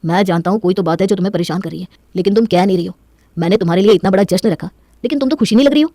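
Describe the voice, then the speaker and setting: A woman takes on an earnest young husband in a storybook drama, gentle and reassuring. He talks quickly at a mid pitch. The sound is dry and close. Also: dry recording, close to an everyday voice. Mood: concerned. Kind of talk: Hindi moral story voice acting.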